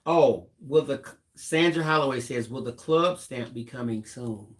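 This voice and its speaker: A man with a mid-pitched voice co-hosts a live stream. He reads viewer comments aloud in a relaxed way and adds joking asides. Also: moderate pace. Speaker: co-host reading viewer comments. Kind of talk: live stream co-host chat.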